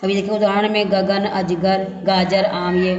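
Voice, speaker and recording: A woman's voice: mid-range voice, level tone, unhurried, a little mellow. A woman teacher walks through a grammar lesson, posing questions and answering them herself as she sounds out syllables one by one. Her voice carries a long, roomy echo, and the recording is dull and muffled. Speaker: school teacher. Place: classroom or room at a school. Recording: dull echoey room recording.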